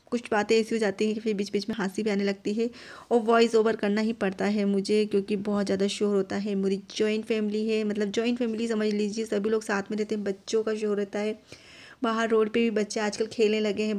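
Woman, homely voice-over narration for a family vlog, steady and monotone. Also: medium pitch. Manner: flat, homely, explaining step by step. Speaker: vlogger. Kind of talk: home cooking voice-over narration. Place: home at night, recorded separately as voice-over.

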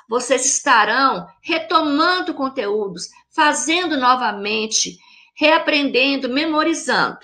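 A Brazilian woman teaching a video lesson to children, slowly sounding out words syllable by syllable in an affectionate teacherly tone. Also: on the high side, sharp tone. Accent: Brazilian Portuguese. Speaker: primary school teacher.

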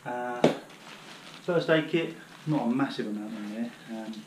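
A man's voice: mid-range voice, unhurried. British guy in his 30s chatting through his hiking kit, lots of ums, roomy echo and some background noise, camera sitting a way off on the floor. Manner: chatty, rambling, many fillers. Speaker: outdoor gear vlogger. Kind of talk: casual demonstration. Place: living room at home, kneeling on floor. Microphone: camera on the floor a few metres away.

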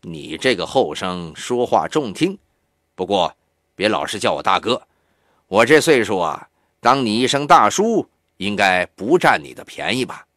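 A man reading an audiobook, voicing a boastful, bound older male captive who talks low and scornfully. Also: very animated, a little slow, fairly bright tone, no echo, studio quality. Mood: smug.

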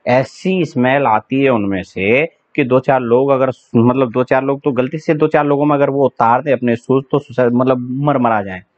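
A man's voice: mid-range voice, a little mellow. A man teaching English vocabulary for exams in a chatty, joking way, spelling words out letter by letter. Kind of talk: exam-prep English vocabulary lesson. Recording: slightly dull lo-fi audio.

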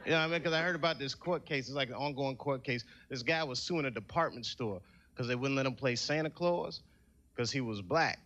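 A man's voice: mid-range voice, fairly quick, a bit bright. A young man doing a stand-up set in a laid-back, conversational way, asking the crowd questions, on a stage before a studio audience. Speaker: stand-up comedian.

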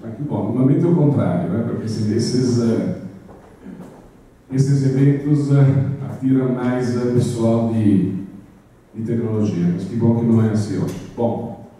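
This time the Italian speaker's voice is mid-range, warm and steady, a little slow, with a slight background noise. He's a middle-aged man addressing a business event from the stage of a large auditorium, hesitating often and filling gaps with sounds. A handheld mic and far-off camera capture the echoing hall.

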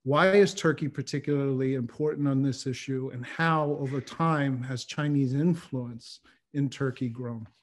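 Middle-aged man, moderator, measured and formal, video call from a home study. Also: mid-range voice, slight background noise. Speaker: host and moderator.

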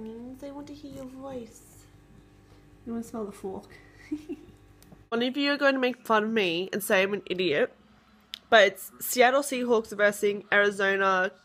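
A woman's voice: mid-range voice, fairly bright tone. A young Australian woman talking casually to her viewers in a rambling vlog, with lots of fillers. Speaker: vlogger.

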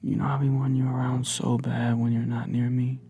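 A young man playing a devoted, clingy lover in an ASMR role-play, giving soft, intimate, affectionate pillow talk up close. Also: monotone, a little fast, lo-fi sound. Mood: longing, sensual. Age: young adult. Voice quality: soft, breathy soft-spoken mixed with low murmur. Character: devoted, clingy, tender male lover at bedside. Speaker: ASMR creator. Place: living room couch, indoors.

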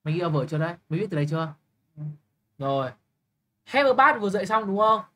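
A young man tutoring English, briskly quizzing a student with quick questions and blunt, teasing remarks. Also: high voice, sing-song, pushed and bright. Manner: brisk, keeps checking understanding with quick questions. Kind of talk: live tutoring lesson.

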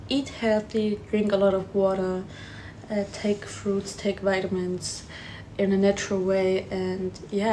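A woman's voice: medium pitch, dark tone, slight background noise. A woman of twenty-two, born in Afghanistan, chatting casually on a phone livestream, reading out viewer comments and answering them. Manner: chatty, switches between German and English, reads comments aloud and answers. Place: indoor room at home. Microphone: phone held close, front camera.

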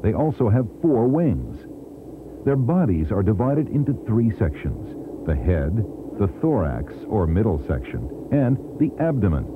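A man narrating an educational documentary in a clear, teacherly way, heard from a worn VHS tape copy. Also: fairly low pitch, sing-song, unhurried, noisy background. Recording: thin, tinny worn VHS tape with music. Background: music score.

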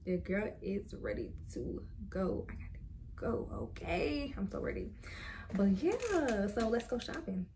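A woman's voice: medium pitch, sing-song, unhurried, heavy background noise. A woman in her twenties chatting casually to viewers in a vlog, talking straight to her phone camera in her bedroom. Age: 20s. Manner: chatty, addresses viewers as y'all. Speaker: vlogger. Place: bedroom, indoors. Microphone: phone camera at arm's length.

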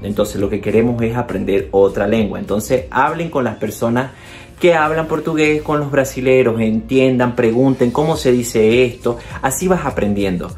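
With a mid-range, darkish voice at a moderate pace, a Bolivian host offers language tips over faint background music. His Bolivian Spanish accent comes through as he chats with the camera, encouraging viewers directly and repeating "entonces" often.

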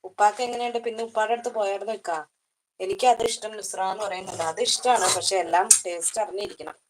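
A woman's voice: mid-range voice, steady tone, fast talker, background noise. Chatty woman live-streaming from her kitchen. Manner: chatty, greets viewers by name. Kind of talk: casual live chat reading comments. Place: home kitchen.

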